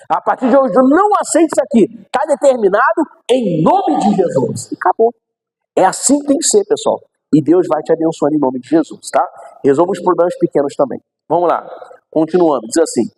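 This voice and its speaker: Animated pastor preaching. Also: male voice, fairly high pitch, breathy edge, rough recording. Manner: animated, acts out quoted voices, asks the audience questions. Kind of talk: sermon teaching.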